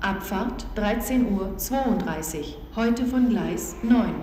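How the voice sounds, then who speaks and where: A woman with a standard German accent reads scripted automated platform announcements in a measured, segmented, neutral delivery over a train station loudspeaker. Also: mid-range voice, animated. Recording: echoey station PA, clear background station noise.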